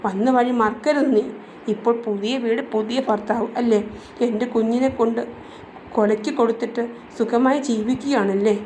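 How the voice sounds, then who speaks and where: A woman's voice: on the high side, steady tone, moderate pace, a little mellow, a little hiss or hum, close to an everyday voice, rough recording. A woman reading a storybook part as a grieving, angry older mother who speaks with bitter accusations. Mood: bitter accusing.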